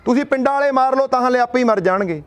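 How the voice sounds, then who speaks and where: A man's voice: very high-pitched, very fast. A young man addressing a gathering in a rousing speech, asking and answering his own rhetorical questions and telling a folk tale. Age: young adult.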